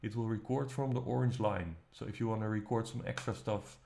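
A man teaching music production, walking through the software step by step in a relaxed, casual way. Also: on the low side, fairly quick, gravelly. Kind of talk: screen-recorded software tutorial. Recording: faint music playing behind. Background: faint music.

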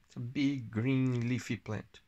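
A father at home at bedtime, gently prompting and correcting his child's reading in a playful, teasing way. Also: medium pitch, steady tone, measured pace, lo-fi sound. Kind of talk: casual bedtime chat.

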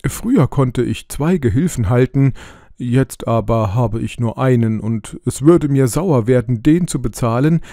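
A man's voice: mid-range voice, expressive, a little slow, mellow, dry recording, studio quality. A man voicing a plain, hesitant middle-aged shopkeeper in an audiobook, with filler sounds. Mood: telling. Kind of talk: audiobook role reading.

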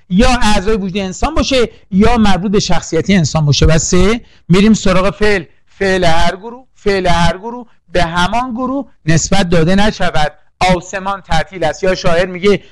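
A man teaching a poetry lesson for exam prep, drilling lists and quizzing the class with questions. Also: sits high. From Iran. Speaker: literature teacher.

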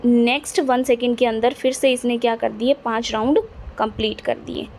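This fairly high-pitched female voice stays fairly flat in pitch and moves at a normal speed, with a slightly mellow quality and slight background noise. She's explaining physics to a class, repeating herself patiently and checking comprehension often.

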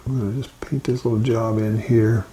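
An older man, a gentle painting instructor, talking in a low-key, musing way as he demonstrates watercolour step by step. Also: flat delivery, normal speed, a little hiss or hum. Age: 60s or older. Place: indoors at a painting easel.

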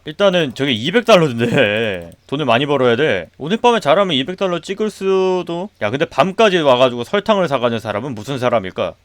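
A man commentating his own game play, loudly mock-scolding the customers, then muttering to himself. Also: on the high side, dry recording. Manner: excitable, swings from loud outbursts to muttering. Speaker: gaming streamer.

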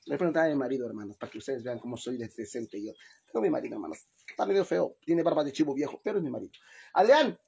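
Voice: medium pitch, lively intonation, rapid-fire, gravelly, slightly rough. Rowdy Mexican-accented livestreamer, profane and chatty. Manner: chatty and profane, keeps calling the audience "sisters"; loud and laughing, dashing around the house with the phone. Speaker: livestream host. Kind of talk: casual livestream chat. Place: home. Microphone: phone.

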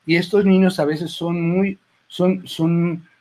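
A man's voice: sits high, little pitch movement, slow pace, darkish tone. A man with a Mexican accent, a clown, giving a chatty, rambling speech into a handheld microphone at a book presentation. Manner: rambling, chatty, full of asides and quoted lines. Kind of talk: informal speech at a book launch. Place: presentation table at an event.

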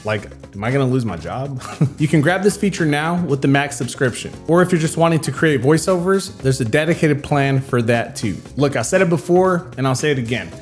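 A man's voice: fairly high pitch, lively intonation, brisk, faint music behind. Nasal young man chatting to camera. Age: 20s. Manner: chatty, joking, self-deprecating. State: nasal, recovering from illness. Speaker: YouTube creator. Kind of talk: casual talking-to-camera vlog.

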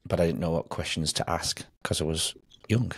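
A man in his forties answering as a client in a therapy session, speaking in a halting, reflective way. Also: low voice, breathy edge, dry recording, studio quality. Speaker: hypnotherapy client. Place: home office, video call. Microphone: desk microphone with headset.

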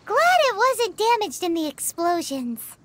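Piercingly high, bright little companion creature. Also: female voice, sing-song, a little slow, a little hiss or hum, full character voice. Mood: relieved. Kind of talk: anime video game voice acting.

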